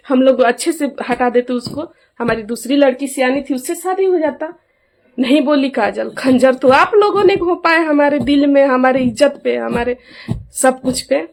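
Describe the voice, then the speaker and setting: A middle-aged woman, speaking as an aggrieved mother in a casual vlog. She talks emphatically and keeps asking those around her to back her up. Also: sits high. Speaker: mother airing a family grievance.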